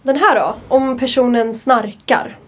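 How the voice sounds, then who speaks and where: A young woman hosting a student radio show, steering the chat with questions and laughing often. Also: on the high side. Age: young adult. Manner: leading, asks questions, giggly. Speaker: radio host, quiz leader. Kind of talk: casual studio chat. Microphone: studio microphone.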